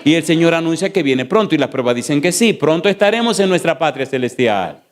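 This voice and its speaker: Pastor, man, church sermon; emphatic, fires off rhetorical questions, slows for stress, then races. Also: fairly high pitch, lively intonation. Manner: shifts between slow stressed phrases and rapid runs. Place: church sanctuary. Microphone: sermon recording.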